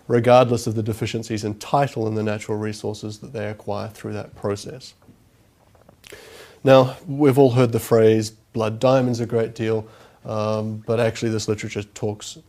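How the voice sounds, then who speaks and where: A man from New Zealand with a broad Kiwi accent gives a formal academic lecture while speaking through a heavy cold, in measured, halting long sentences. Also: on the low side, dark tone. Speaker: guest lecturer.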